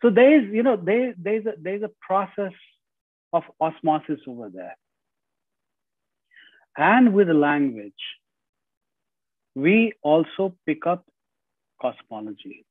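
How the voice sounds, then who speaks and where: A middle-aged man with an Indian accent speaks as a guest lecturer from home, earnest in tone, over a video call on earbuds. He has a high-sitting voice with big pitch swings and a slow pace, pausing often, repeating "you know," and restarting phrases. No room sound is audible in the dry, tinny call audio.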